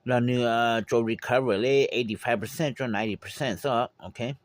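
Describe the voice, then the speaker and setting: A man giving an informal how-to talk on breeding poultry, unhurried and rambling, with frequent fillers. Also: medium pitch, fairly even intonation, no room sound. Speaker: poultry breeder explaining his method.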